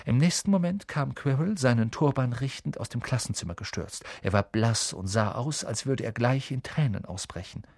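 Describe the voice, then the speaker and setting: A male narrator reads a novel aloud in an expressive storytelling manner, leaning into key words with lively emphasis. His voice sits at an ordinary middle pitch. The recording is close and dry, with no room echo. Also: moderate pace, few pauses. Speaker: audiobook narrator. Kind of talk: scripted audiobook narration.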